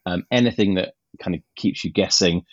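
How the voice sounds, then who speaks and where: A man with a low voice talks as a guest on a podcast, eager and chatty, often stopping to restart his sentences. The recording is dull and lo-fi, with a dry, close sound. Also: brisk, dry recording. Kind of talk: casual chat.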